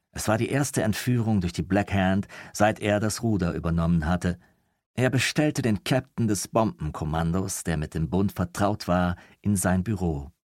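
Male audiobook narrator, very low voice, dry close recording, measured delivery. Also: a little mellow, no room sound.

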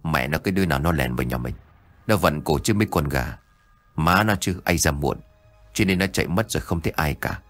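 A man's voice: rumbling low, lively intonation, a bit bright, soft background music, exaggerated voice. A man doing a grumpy griping husband. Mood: annoyed. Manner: fast angry griping. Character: grumpy young village husband.

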